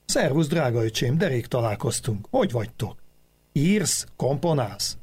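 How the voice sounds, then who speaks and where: A man voicing an affectionate older poet who greets a younger friend in a gentle, husky voice. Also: mid-range voice, sing-song. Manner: affectionate, familiar.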